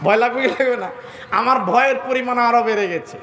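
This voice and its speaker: A man's voice: very high voice, fast talker. A male preacher telling a comic story in a sermon, asking the listeners questions as he goes. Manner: animated, asks the crowd questions, comic. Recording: roomy echoing sound.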